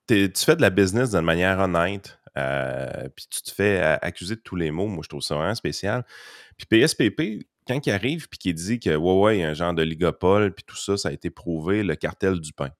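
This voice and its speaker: Deep-voiced Québécois man, co-host, frank and colloquial, dry close sound. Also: expressive, brisk, no room sound. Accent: Québécois French. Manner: frank, colloquial, asks questions. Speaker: podcast co-host. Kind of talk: casual chat.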